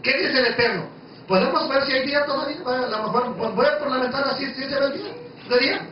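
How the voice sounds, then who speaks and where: A man with a very high voice preaches a Bible study in an emphatic, conversational way and keeps asking his listeners questions. His voice booms around a very echoey room, picked up from some distance off. The sound is a bit dull, with a faint hiss underneath. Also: fast.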